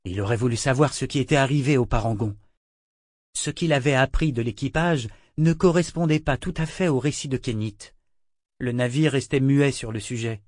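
A man narrating a novel in a measured, even storytelling voice. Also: medium pitch, no echo, studio quality. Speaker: audiobook narrator. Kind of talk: scripted narration.

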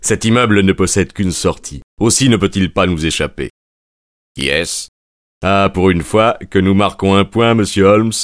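A man voicing an excitable male police detective in an audiobook, in an emphatic, eager manner. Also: low voice, moderate pace, dry recording, studio quality, natural voice. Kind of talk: audiobook character reading.

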